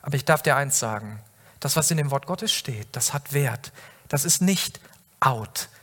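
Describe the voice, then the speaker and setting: A man's voice: medium pitch, lively intonation, normal speed, a bit bright. A male pastor giving a sermon, speaking earnestly and directly to the listener with many rhetorical questions. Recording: long hall reverb.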